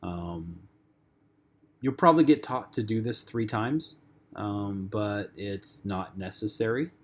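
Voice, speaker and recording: A man's voice: fairly low pitch, takes it slowly. A man teaching a flight lesson in a casual, conversational way, with frequent ums and uhs. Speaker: flight instructor. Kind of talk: lecture-style flight lesson.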